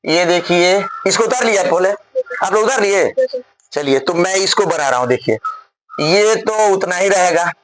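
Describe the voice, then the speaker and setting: A man's voice: high voice, lively intonation, measured pace, a loud crowd, rough recording. A male physics teacher solving a problem on the board step by step in a classroom lecture, often checking whether his students follow.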